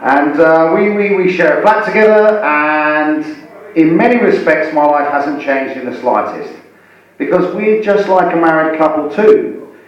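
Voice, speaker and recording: A man in his forties hosting live stand-up, talking haltingly with repeated words as he chats to the audience. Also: fairly high pitch, animated, highs cut off. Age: 40s. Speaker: stand-up comedian and host. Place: indoor comedy venue. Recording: echoey live room, distant mic.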